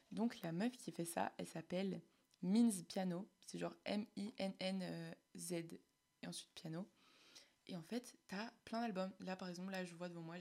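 Young woman, podcast host, casual chat, slightly low voice, slangy, fillers, near-whispers at times. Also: creaky, a little mellow.

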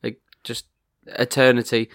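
A man's voice: mid-range voice, completely flat delivery, no room sound. Wry man co-hosting, dry close sound. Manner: wry, quick to exclaim, stammers on restarts. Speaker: podcast co-host. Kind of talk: casual chat.

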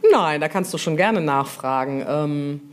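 Deep-voiced and unhurried, a woman gives a casual, explanatory podcast interview about her role as a brand manager. She often tacks on small tag questions to check that you're with her.

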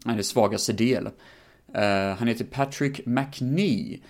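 A man hosting a podcast, talking through a film in a casual, rambling way with many fillers and some swearing. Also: medium pitch. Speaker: podcast host. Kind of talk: casual film review monologue.

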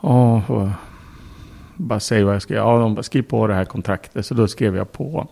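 Gravelly low-voiced man telling a war story. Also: dark tone. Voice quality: gravelly, husky. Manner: blunt, swears, acts out quotes. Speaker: podcast guest. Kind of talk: casual storytelling.

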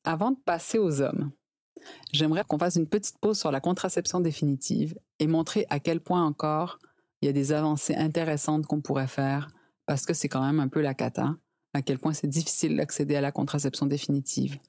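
A reproductive health specialist in her forties explains things conversationally as an interview guest, emphatic and acting out little quotes to make her points. Her voice is deep and darkish, fairly quick, with fairly even intonation. The studio-quality recording has no echo.

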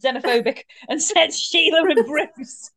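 Teasing British woman, higher voice. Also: a bit bright. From Britain. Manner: teasing, quick quips. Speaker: podcast co-host. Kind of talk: casual chat.

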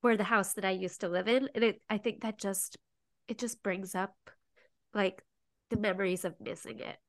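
A woman's voice: mid-range voice, fairly even intonation, moderate pace, no echo, studio quality. A young woman co-hosting a casual podcast chat, chatty and tearful, with a sniffly voice and lots of fillers. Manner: chatty, emotional, says "like" often. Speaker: podcast co-host.

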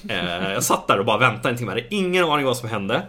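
Animated young man, bright voice. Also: medium pitch. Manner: animated, acts out quoted exchanges, swears casually. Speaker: podcast guest telling a travel story. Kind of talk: casual storytelling chat.

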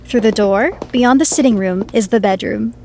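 A woman's voice: on the high side, normal speed, warm tone, faint music behind, close to an everyday voice. A woman playing a courteous inn hostess. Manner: courteous, descriptive tour-guide tone. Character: polite attentive inn hostess.

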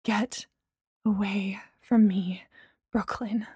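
A woman voicing a hurt young woman, icy and breathy. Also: mid-range voice, steady tone, very slow, dark tone, no echo, studio quality, heavily acted. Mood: cold, hurt.

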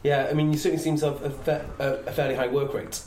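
A man's voice: mid-range voice, fairly even intonation, fast, a little mellow, slight background noise. A man hosting a podcast interview in a jokey, chatty way. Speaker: podcast host. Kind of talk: casual interview chat. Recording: roomy echo.

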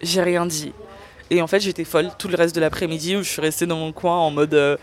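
A young woman in an interview, speaking candidly and earnestly about her own experience, often pausing to search for words. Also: lowish voice, fairly even intonation. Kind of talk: candid personal testimony.

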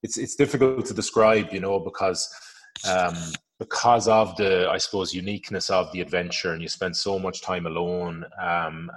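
A man with a west of Ireland accent telling personal stories in a reflective, halting, informal interview manner. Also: deep voice. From Galway, west of Ireland. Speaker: adventurer guest. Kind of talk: conversational interview storytelling.

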